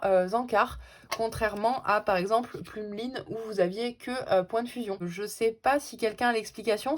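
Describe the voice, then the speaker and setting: A woman giving casual, chatty commentary as she opens trading card packs, with frequent hesitations and fillers. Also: medium pitch. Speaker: card-opening vlogger.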